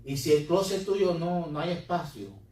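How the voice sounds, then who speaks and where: Male pastor, sermon, mixes in English words, higher voice, church hall echo, distant mic. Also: animated, moderate pace, a little mellow. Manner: preaching with Spanish-English code-switching. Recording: echoey room, mic from a distance.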